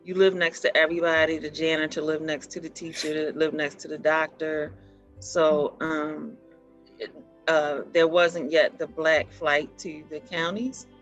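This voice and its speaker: Over a video call, a middle-aged interview guest from Baltimore, USA, reminisces and tells stories in a chatty way, laughing and using um often. She has a low-pitched voice and a flat, unhurried delivery. Faint music can be heard behind her.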